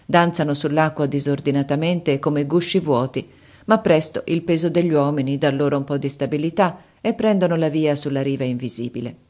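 Low-voiced woman reading a classic novel. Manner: measured, even storytelling delivery. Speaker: audiobook narrator. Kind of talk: scripted literary narration.

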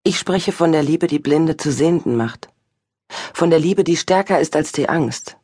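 Woman reading a calm, earnest old man. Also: sits low, normal speed, breathy edge, dry recording, studio quality.

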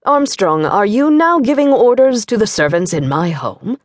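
A woman voicing a wealthy gentleman who speaks in a silky, sly, taunting way. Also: mid-range voice, very animated, moderate pace, no echo, studio quality, close to an everyday voice. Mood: irritated. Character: silky, malicious wealthy gentleman, master of house.

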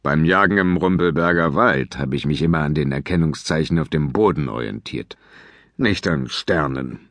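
A man voicing a gruff, grumbling father giant in a children's audiobook, growling his words low and heavy. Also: moderate pace, a bit bright, dry recording.

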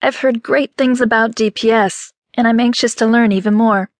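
A man's voice: extremely high pitch, fairly even intonation, moderate pace, pitched above the performer's own voice. A man narrating an audiobook, voicing a shy but determined young woman applicant who speaks politely. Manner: polite, composed.

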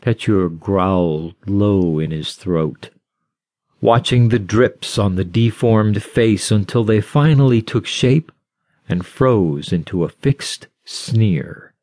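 A man giving a scripted audiobook narration in a slow, measured storytelling manner. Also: on the low side, a little mellow, no room sound, clean studio sound.

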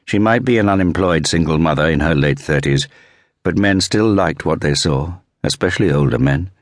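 Male audiobook narrator, very low voice, measured and vivid, dry studio read. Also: no room sound. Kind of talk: scripted narration.

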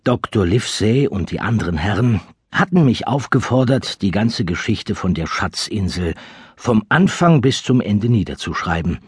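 Husky man narrating an audiobook. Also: fairly low pitch, no room sound, studio quality. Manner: lively, expressive storytelling. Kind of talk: scripted narration.

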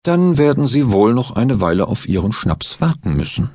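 A man's voice: medium pitch, sing-song, moderate pace, a little mellow, no room sound, voice pushed up. A man doing a dry, mocking doctor sleuth. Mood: dry amused. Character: ironic, composed male doctor investigator.

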